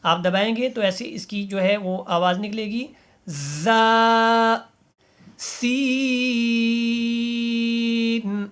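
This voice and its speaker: A man teaching a Quran reading lesson, drawing out each letter slowly and then explaining how to pronounce it, asking learners to repeat after him. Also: high voice, fairly even intonation, fairly bright tone. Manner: slow drawn-out letter recitation between explanations; patient instructive tone, asks learners to repeat. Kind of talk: step-by-step recitation lesson.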